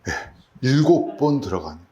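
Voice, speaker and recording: Animated pastor preaching in an echoey church. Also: male voice, medium pitch, normal speed, highs cut off. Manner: animated preaching, rhetorical questions to the congregation. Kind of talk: sermon. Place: church sanctuary.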